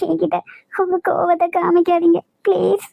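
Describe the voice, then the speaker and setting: A woman's voice: very high voice, monotone, moderate pace, gravelly, phone-quality sound, full character voice. A woman voicing an anxious young wife who pleads tearfully with her husband in a cartoon love story. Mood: pleading.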